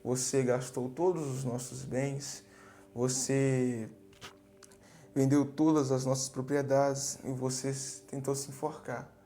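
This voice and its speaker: A man voicing a wise older father whose farewell letter speaks calmly to his son. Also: medium pitch, takes it slowly. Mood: calm, fatherly.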